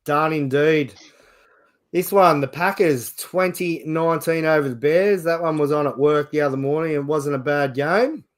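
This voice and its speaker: A man's voice: a little high, normal speed. A man with an Australian accent hosting a casual sports chat show.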